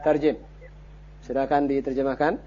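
A man's voice: mid-range voice, little pitch movement, moderate pace, warm tone. A man teaching Arabic live to phone-in callers, patiently correcting them and affirming with short replies. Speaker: Arabic teacher on a call-in program. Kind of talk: live call-in Arabic lesson. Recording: dull broadcast audio with faint hum.

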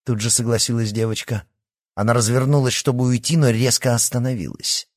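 A man giving expressive, dramatic scripted audiobook narration. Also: mid-range voice, fairly quick, dry recording, studio quality.

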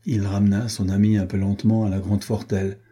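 Brief: male audiobook narrator, measured storytelling, dark husky timbre. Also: lowish voice, level tone. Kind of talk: scripted narration.

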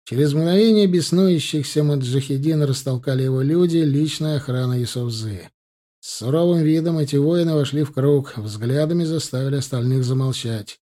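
Expressive male audiobook narrator, mellow. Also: mid-range voice, normal speed. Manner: dramatic, expressive. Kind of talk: scripted narration.

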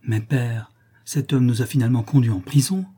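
A man's voice: mid-range voice, steady tone, moderate pace, dark tone, slightly rough, natural voice. A man voicing a frightened young girl. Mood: scared.

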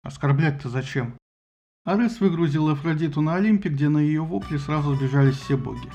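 Guy reading a funny myth audiobook, wry and lively, kinda gravelly. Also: on the high side, fast, faint music behind. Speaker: narrator. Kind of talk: humorous audiobook narration.

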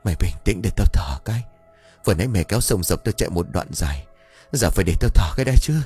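A man's voice: low voice, brisk, darkish tone, soft background music, lightly acted. A man voicing an elderly male village healer, out of breath, in a spoken story. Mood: winded. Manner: panting, grumbling.

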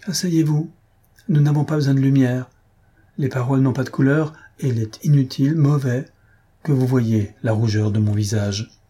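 A man's voice: mid-range voice, normal speed, mellow, slightly rough, lightly acted. A man voicing a prim, devout young Englishwoman in a storybook reading, speaking earnestly. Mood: hushed urging.

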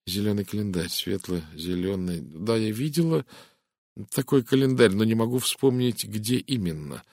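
A man voicing a puzzled young English wife in an audiobook, hesitant and sometimes sharp. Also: fairly low pitch, expressive, moderate pace, dry recording, clean studio sound. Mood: recalling.

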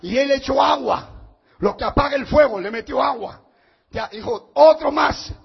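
Male pastor, shouting sermon delivery, very high pitch, gravelly and husky. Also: normal speed, highs cut off. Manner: shouting, emphatic preaching. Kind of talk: fiery Pentecostal sermon.

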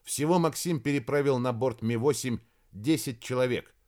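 A man's voice: mid-range voice, moderate pace, darkish tone. A man narrating an adventure audiobook in a dramatic reading. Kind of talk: scripted narration.

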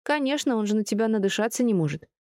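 Woman playing a grandmother in her forties, earnest, apologetic, quick talker, dry close sound. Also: medium pitch, dark tone, no echo, voice pushed up, close to an everyday voice.

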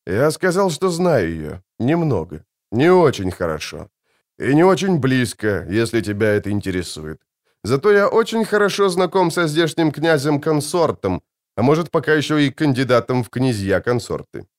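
A man's voice: mid-range voice, sing-song, moderate pace, voice pushed up, close to an everyday voice. A man voicing a grim, laconic male witcher in a fantasy audiobook, speaking tersely. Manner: terse and curt.

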